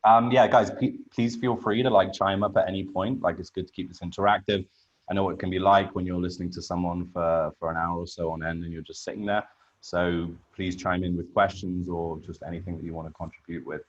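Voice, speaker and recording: Deep-voiced man with a British accent. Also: fairly even intonation, fairly quick, dull audio. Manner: informal, checks in with listeners. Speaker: breathwork coach leading a workshop. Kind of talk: casual explanatory talk on a group video call. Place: online group video call.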